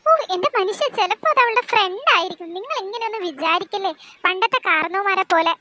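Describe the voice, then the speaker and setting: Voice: very high-pitched, quick pace, bright, forceful tone. A young woman voicing a worried, exasperated middle-aged mother who nags her husband. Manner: fretful, exasperated, scolding.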